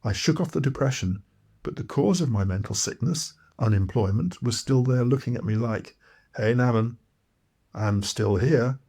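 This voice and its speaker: A man's voice: medium pitch, animated, normal speed, creaky, warm tone, slightly rough. A man from Malawi, narrating his own audiobook in a reflective, earnest storytelling way. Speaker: author and narrator.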